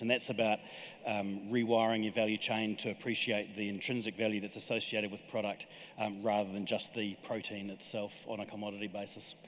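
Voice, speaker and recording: Panelist: man, low and monotone, jargon-heavy, in a reverberant hall. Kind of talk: panel discussion.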